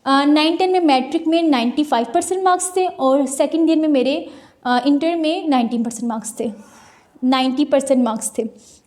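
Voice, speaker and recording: High-voiced young woman vlogger. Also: moderate pace, a little mellow. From Pakistan. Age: 20s. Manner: chatty, answers viewer questions one by one with practical advice. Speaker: student vlogger. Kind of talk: casual Q&A vlog. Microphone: mobile phone.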